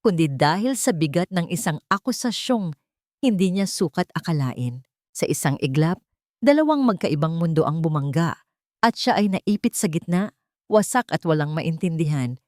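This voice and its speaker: Reading a dramatic script as narrator, a Filipino-accented woman uses a fairly low, darkish voice. The recording is dry and of studio quality.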